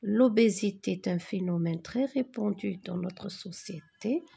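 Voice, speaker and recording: A woman teacher going slowly through a spelling exercise, dictating words and naming each accent mark. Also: mid-range voice, gravelly, mellow, slightly rough. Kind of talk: worksheet correction lesson.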